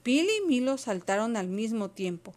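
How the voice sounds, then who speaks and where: A woman reading a children's storybook aloud to a child, expressive and patient. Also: on the high side, moderate pace.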